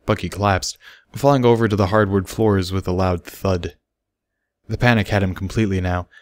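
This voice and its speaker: A man narrating a fan story as an audiobook, with a steady, dramatic delivery. His voice is very low, and it has a dry, close sound. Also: no echo.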